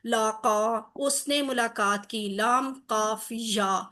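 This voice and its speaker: A woman's voice: fairly high pitch, bright, forceful tone. A woman teaching an online grammar class, patiently drilling word forms and asking students questions.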